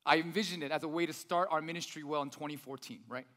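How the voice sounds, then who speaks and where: A man's voice: a little high, fairly even intonation, fast. A man preaching a chatty sermon as a pastor, reading scripture and correcting himself as he goes, his voice ringing with a big hall echo. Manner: chatty, self-correcting, often adds "right?". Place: church hall. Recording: loud voice in an echoey hall.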